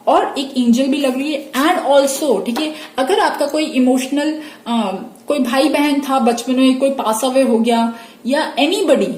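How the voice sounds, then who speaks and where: A woman's voice: high voice, slow pace, echoey room, a little hiss or hum. A woman giving a pick-a-card tarot reading, reassuring her viewers and often checking in with them. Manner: warm reassuring, mixes English phrases, frequent "theek hai" check-ins.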